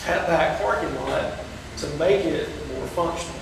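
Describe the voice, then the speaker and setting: Man, gravelly voice, informal meeting talk, far off in a very echoey hall. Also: on the high side, normal speed. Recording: echoey hall, distant mic, noisy.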